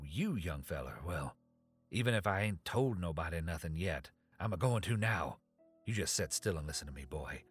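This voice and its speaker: A man voicing a crazed old townsman who rambles in a frantic rustic drawl, swinging from loud shrieks down to whispers. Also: sits low, breathy edge.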